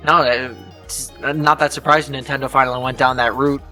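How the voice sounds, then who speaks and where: A man's voice: mid-range voice, flat delivery, brisk, over loud music. A man co-hosting a casual chat, enthusiastic and prone to repeating words. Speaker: co-host.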